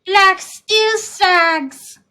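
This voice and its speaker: Grand vintage starlet hostess, very high purring voice, slow drawn-out delivery, comedic talk show. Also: female voice, bright, forceful tone, exaggerated voice. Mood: gushing, confiding. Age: over 40.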